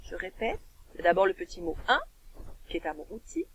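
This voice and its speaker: A woman with a French accent, teaching a recorded dictation lesson to children, dictating slowly and splitting words into syllables. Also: fairly low pitch, sing-song, slight background noise, low-quality recording. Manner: slow, clear dictation, stretching words and syllables. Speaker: primary school teacher.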